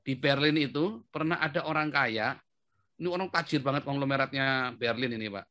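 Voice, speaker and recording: A chatty man talking over a video call, laughing often as he goes and tacking a polite "sir" onto nearly every phrase. His voice is bright and forceful, carrying over the call connection. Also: mid-range voice, brisk. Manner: chatty and laughing, adds "Pak" to most phrases. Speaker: host answering a guest in a live video discussion. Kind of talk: casual chat.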